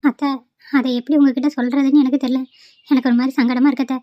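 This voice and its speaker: A woman's voice: high-pitched, flat delivery, fast talker, warm tone, no echo, lightly acted. A woman voicing a tearful, pleading young pregnant daughter-in-law in a cartoon, on a dull lo-fi recording.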